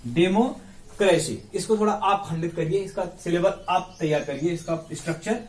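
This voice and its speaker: A man teaching English grammar in a classroom-style lesson. He breaks words into syllables slowly, repeats them, quizzes his listeners and calls them his brothers. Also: sits high, darkish tone, distant mic. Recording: echoey room, voice off the mic.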